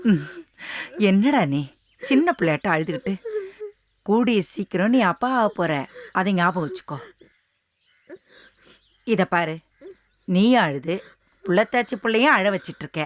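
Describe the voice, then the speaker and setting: A woman's voice: medium pitch, lively intonation, measured pace, long pauses, close to an everyday voice. A middle-aged woman playing a loving, ailing mother in a TV serial, tender and coaxing. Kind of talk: TV serial acting.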